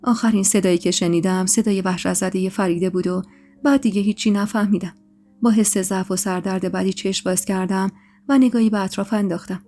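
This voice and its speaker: A woman storyteller reading a dramatic first-person story in an emotional, expressive way, with faint music behind her. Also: mid-range voice. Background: faint background music.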